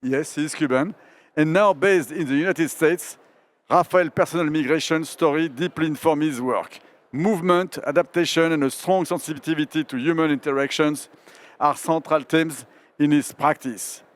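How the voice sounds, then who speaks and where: French-accented man moderating lively. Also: a little high, moderate pace. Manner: animated, speaks straight to the audience. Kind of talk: live panel discussion.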